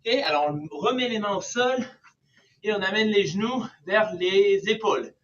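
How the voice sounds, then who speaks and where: A man's voice: high voice, normal speed, fairly bright tone. A man coaching a live online workout like an aerobics instructor, counting out reps and calling cues with encouragement while exercising along. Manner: switches between English and French. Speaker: fitness coach leading a bodyweight warm-up class. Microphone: away from the mouth, at a distance. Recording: distant, dull microphone.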